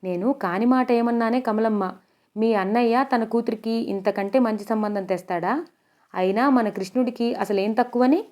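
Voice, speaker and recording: A woman's voice: a little high, moderate pace, darkish tone, close to an everyday voice. A woman voicing a nosy, tactless older village woman who pries and scolds in a storybook reading. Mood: insistent. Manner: prying, tactless, teasing.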